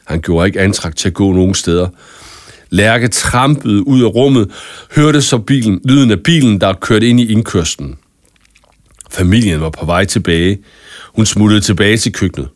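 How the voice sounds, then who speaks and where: Low-voiced guy reading a kids story, super dry booth sound. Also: dry recording. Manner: expressive children's story reading. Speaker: audiobook narrator. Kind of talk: scripted storybook narration. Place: studio booth.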